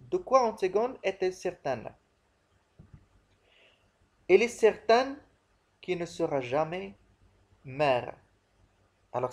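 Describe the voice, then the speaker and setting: A man's voice: fairly high pitch, a little mellow. A man teaching a literature lesson, working through questions and answers in a didactic way and repeating key phrases.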